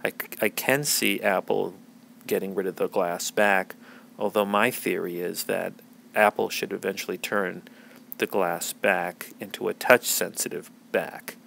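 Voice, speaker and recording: Gravelly low-voiced man hosting a tech podcast. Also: steady tone, measured pace, fairly bright tone, slight background noise. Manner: rambling, many fillers and restarts. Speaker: podcast host. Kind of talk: casual tech news commentary.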